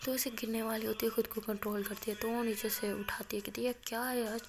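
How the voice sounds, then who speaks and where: Woman, casual storytelling, chatty, slightly high voice, soft near-whispers at times. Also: level tone, fast talker.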